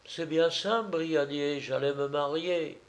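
Man playing a meek young man, soft, pleading, stammering, storybook. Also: on the high side, unhurried, pitched above the performer's own voice.

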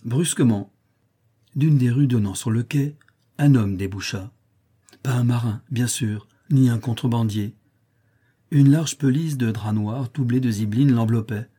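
A male audiobook narrator reads a short story in a measured, expressive way. His tone is dark and mellow, with a husky edge to the voice. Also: mid-range voice. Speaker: audiobook reader.

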